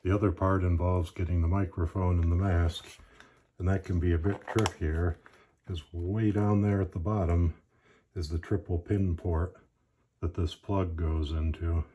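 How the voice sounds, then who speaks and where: Male instructional narrator, deep and monotone, plainspoken and unhurried in manner. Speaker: presenter of a gear demonstration.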